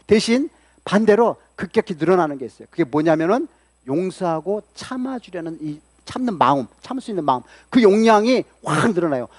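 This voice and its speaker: Man, pastor, sermon, high voice, rhetorical questions, dry close sound. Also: darkish tone, no echo. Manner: earnest preaching with rhetorical questions to the congregation; acts out angry quoted outbursts with a raised voice.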